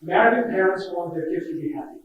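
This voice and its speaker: A man's voice: high-pitched, animated, fast talker, crowd noise. A middle-aged man answering on a conference panel, reflective and anecdotal. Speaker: panelist, entrepreneur. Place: large conference hall. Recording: echoey hall, distant dull mic.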